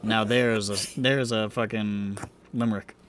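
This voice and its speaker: A man's voice: fairly low pitch, fairly even intonation, unhurried, fairly bright tone. Man chatting, faint background noise. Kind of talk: casual tabletop game chat.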